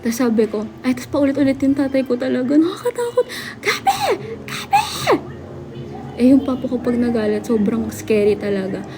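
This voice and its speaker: A young woman from the Philippines hosting a live stream, telling a story casually to her chat and acting out family members' shouting. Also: a little high, fairly even intonation, fast, few pauses, background noise. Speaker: livestream host.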